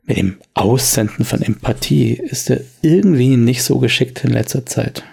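A man's voice: mid-range voice, normal speed, vocal fry, darkish tone, slightly rough. A man narrating a tabletop role-playing game as game master, telling the scene in tense, descriptive storytelling.

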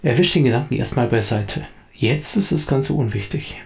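A man narrating a scripted story dramatically and briskly. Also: mid-range voice, lively intonation, creaky.

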